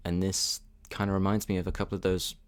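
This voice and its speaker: A man reviewing a song in a casual reaction video, thinking aloud with frequent ums and restarts and giving candid, measured opinions. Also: sits low, level tone, clean tone. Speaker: music reaction channel host. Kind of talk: casual spoken music review.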